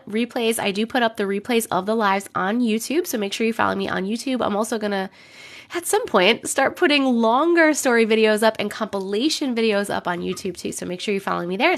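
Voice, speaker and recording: A young adult woman on a live stream chats with viewers and reads stories, greeting people by name between sentences. Her fairly high, fairly bright voice is a little rough because she's getting over a cold.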